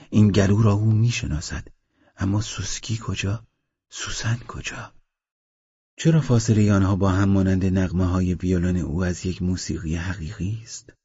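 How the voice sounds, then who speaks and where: Male audiobook narrator with a low, gravelly-husky voice, measured and dramatic, dry slightly dull studio sound. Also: a little mellow, no echo. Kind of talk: scripted literary narration.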